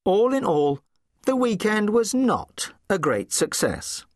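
A man narrating a children's storybook in an expressive, playful way. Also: high-pitched, slow, no echo, clean studio sound. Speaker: audiobook narrator.

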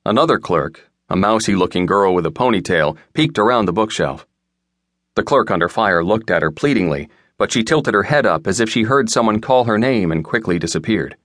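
Low, wry male audiobook narrator. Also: animated, brisk, fairly bright tone, no room sound. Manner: wry, dry first-person storytelling. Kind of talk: scripted narration. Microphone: close studio mic.

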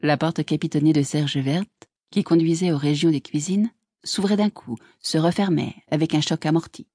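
A woman narrating a literary audiobook in an even, measured voice. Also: deep voice, no echo, clean studio sound.

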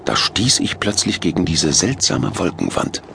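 Man voicing a confused balloonist, questioning, deep, lively, storybook. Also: normal speed, gravelly, slight background noise, exaggerated voice. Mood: puzzled. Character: bewildered, frozen-stiff adult balloonist man.

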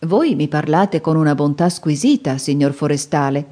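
Woman as a guarded young stranger, formal speech, dark soft tone. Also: low voice, lively intonation, normal speed. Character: young male swordsman stranger, guarded and proud.

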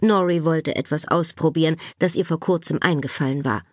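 A woman narrating a children's audiobook with expressive, playful storytelling. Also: sits low, brisk, no room sound, clean studio sound.

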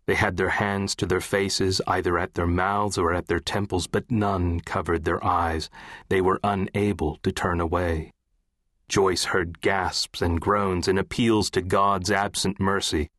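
A man reading literary fiction as an audiobook narrator, in a measured, composed way. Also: deep voice, level tone, fairly bright tone, no room sound, clean studio sound.

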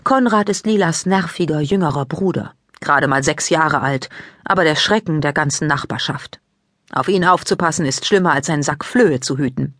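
A woman narrating a children's audiobook in a calm, even storytelling manner. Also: deep voice, moderate pace, dry recording, studio quality.

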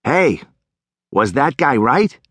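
A husky, growling hot dog vendor, voiced by a male narrator, burly and gruff with a teasing streak. He talks at an unhurried pace with a lively, rolling pitch. The recording is dry and close, as in an audiobook studio. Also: no room sound, heavily acted. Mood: curious. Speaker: street vendor.

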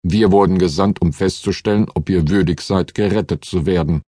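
A man voicing a gruff, commanding male warrior with a booming bass, in an audiobook. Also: moderate pace, mellow, no room sound, studio quality. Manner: booming, stern.

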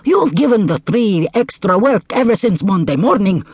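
A man's voice: high voice, very animated, a little mellow, breathy edge, no room sound, studio quality, pitched above the performer's own voice, full character voice. A man voicing a magical male desert djinn who scolds in a stern, knowing way. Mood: scolding. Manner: scolding, knowing, drawn-out phrasing.

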